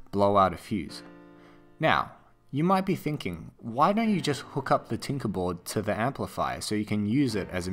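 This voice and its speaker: A man with an Australian accent narrating a scripted voice-over for a build tutorial, in a steady, explanatory way. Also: fairly low pitch. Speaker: tech video narrator.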